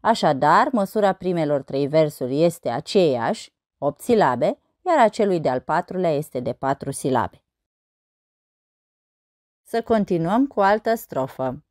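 A woman teaching a school lesson in scripted narration, reading verse out slowly and counting the syllables. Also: sits low, lively intonation, a little mellow, no echo, studio quality.

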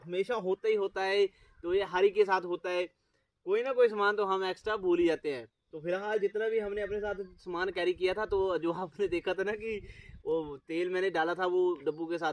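The voice is high-pitched and moves at normal speed in a dry recording. It belongs to a young vlogger from Himachal Pradesh, India, chatting to viewers as friends while camping in a grassy, wooded field with the camera at arm's length.

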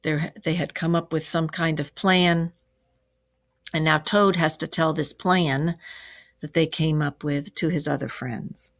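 Woman, teacher, classroom read-aloud, explains, asks questions, lowish voice. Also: fairly even intonation, unhurried. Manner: explaining, asking the listeners questions.

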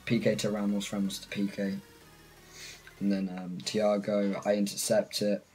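A man's voice: lowish voice, completely flat delivery, normal speed, a little mellow, soft background music, low-quality recording. A British man giving a casual, rambling, self-mocking voice-over on his own football gameplay. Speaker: gaming channel host.

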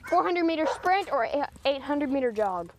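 A woman's voice: high-pitched, sing-song, moderate pace, a little hiss or hum. A teenage girl giving a casual, chatty vlog outdoors into a phone, with a bossy, giggly manner. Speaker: older sister vlogging, coaching siblings. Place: outdoors on a driveway. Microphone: phone held at arm's length.

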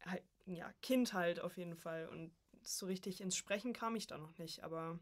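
A young German woman in her early twenties, originally from Coburg, chats casually as a podcast guest and shares personal anecdotes about herself. She studies voice acting, and her voice sits on the low side at a normal speed.

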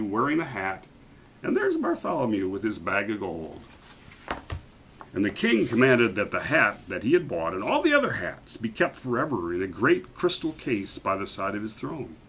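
A man reading a picture book aloud to children, animated and stopping to point out the pictures. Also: fairly low pitch, a little hiss or hum, poor audio.

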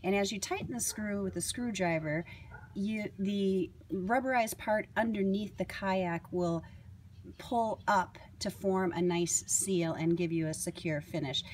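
A woman walks through a hardware installation step by step, talking plainly as she works with her hands. Her voice sits at an ordinary middle pitch. It is picked up by a camera mic outdoors, with a faint hiss behind it. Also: unhurried, a little mellow. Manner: clear step-by-step explaining while working with tools. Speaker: product demonstrator. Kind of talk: instructional how-to demonstration.

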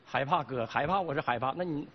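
A man with a Northeastern Mandarin accent playing an excitable, fawning car salesman in a comedy sketch. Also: mid-range voice, breathy edge, close to an everyday voice. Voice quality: exclamatory, quick to wail and laugh. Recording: slightly muffled broadcast audio.

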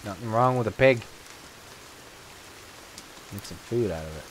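A man's voice: lowish voice, animated, a little slow. Man chatting through gameplay over noisy ambience. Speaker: host of a gaming video series. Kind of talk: casual co-op gameplay chat.

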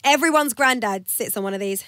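A woman's voice: on the high side, brisk, slight background noise. A woman radio presenter, playfully quizzing and teasing her guest in a studio interview. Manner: teasing, laughing, lively.

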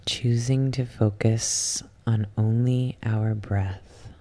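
With a soft, soothing voice of medium pitch, a meditation guide takes listeners through an ASMR yoga nidra session. The delivery is slow and steady in tone, broken by long pauses.

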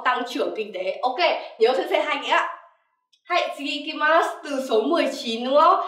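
A woman's voice: fairly high pitch, a bit bright, recorded from a distance. A young woman teaching Japanese vocabulary in a lesson, calling herself sensei and often checking with "right?". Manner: keeps asking "right?" as a checking tag. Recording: echoey room, voice off-mic.

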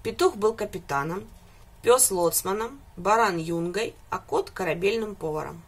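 A woman reads a children's fairy tale aloud with lively, expressive narration. Her mid-pitched voice has a slightly husky, breathy edge. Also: moderate pace. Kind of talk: storybook reading for children.

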